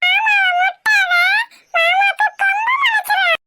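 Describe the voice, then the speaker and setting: A woman voicing a chattering little girl who tattles, in a cartoon with a whiny, squeaky manner. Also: fairly even intonation, measured pace, bright, forceful tone, soft background music, heavily acted. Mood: tattling. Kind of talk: cartoon voice acting.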